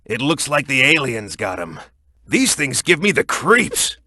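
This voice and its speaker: A man's voice: medium pitch, sing-song, a little slow, bright, forceful tone, slightly rough, no room sound, studio quality, full character voice. A man voicing Knuckles' type of role, a bold, hot-headed young echidna fighter in a video game, with earnest, punchy, urgent delivery. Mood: wary, uneasy. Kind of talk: English video game character voice acting.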